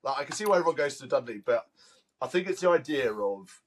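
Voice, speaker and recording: A man co-hosting a sports podcast, telling stories in quick, casual chat with some swearing. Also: mid-range voice, animated. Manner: quick, chatty storytelling with swearing. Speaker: podcast co-host.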